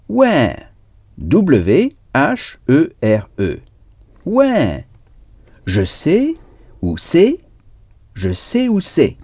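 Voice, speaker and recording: A man's voice: medium pitch, mellow, no echo. A man teaching a recorded language lesson, patiently repeating words and spelling them out letter by letter.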